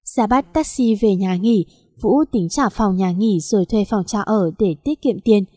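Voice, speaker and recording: A woman's voice: medium pitch, unhurried, mellow, no echo, clean studio sound. A woman narrating a sad story in a plaintive, emotional reading.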